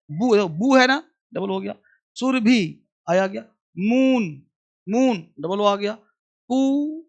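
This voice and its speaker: A male teacher running a demo class on English spelling. He drills each sound by repeating words several times and firing quick questions at his students, and he addresses them fondly as children. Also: very high voice, sharp tone.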